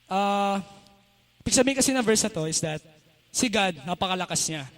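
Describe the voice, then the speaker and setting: A young Filipino man with a high voice gives a youth message at a church service. He talks in a loose, chatty way, laughs often, and slips between Tagalog and English as he preaches. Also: expressive, moderate pace, faint music behind. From Philippines. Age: young adult. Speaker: youth speaker. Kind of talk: casual youth sermon.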